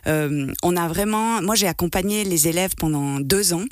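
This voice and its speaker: A woman's voice: lowish voice, normal speed, dry recording, studio quality. A woman, a filmmaker guest in a radio interview, speaking hesitantly with many fillers and restarts.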